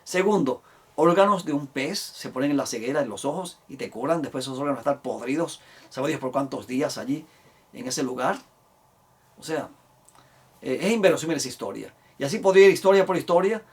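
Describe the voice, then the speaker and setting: A man's voice: fairly high pitch, slightly rough, far from the mic. A man teaching on the Bible in an emphatic way, his voice rising to stress key points.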